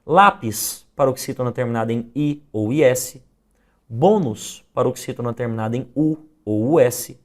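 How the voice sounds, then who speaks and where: A man's voice: medium pitch, normal speed. Methodical Brazilian male teacher. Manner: methodical, explaining step by step with examples. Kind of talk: exam review lesson.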